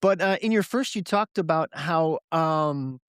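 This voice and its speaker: A man hosting a podcast interview, asking measured questions with many "you know"s. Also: on the high side, a bit bright, clean tone, dry recording, clean studio sound. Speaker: podcast host.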